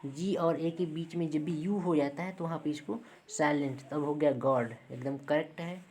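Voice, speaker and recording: Woman teacher, very low voice, repeats points often, faint room noise. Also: normal speed, a little mellow. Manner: repeats points, checks in with "ठीक है". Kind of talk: classroom lesson.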